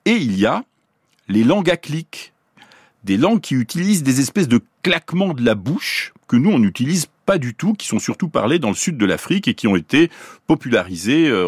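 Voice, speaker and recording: A man from Paris giving a scripted radio explanation as a science columnist, in a clear teaching tone that slows down to pronounce examples. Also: on the low side, no room sound, clean studio sound. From Paris, France.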